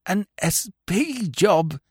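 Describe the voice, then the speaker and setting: Man doing an excitable young gent. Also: high-pitched, very slow, slightly rough, no room sound, clean studio sound, pitched above the performer's own voice, heavily acted. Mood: agitated, sulky. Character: excitable young gentleman, easily upset.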